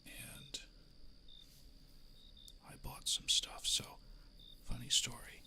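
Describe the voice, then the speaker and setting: A man whispering casual, chatty ASMR into a close microphone, breathy and soft, with self-amused asides. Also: slow pace. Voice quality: breathy whisper with creaky edges. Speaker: ASMR artist and host. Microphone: close microphone through an audio interface.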